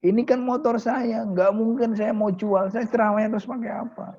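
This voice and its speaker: A man's voice: mid-range voice, animated, takes it slowly, a little mellow, breathy edge, lo-fi sound, exaggerated voice. A man voicing a poor male preacher who pleads, anxious and distressed, in a sermon story. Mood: pleading.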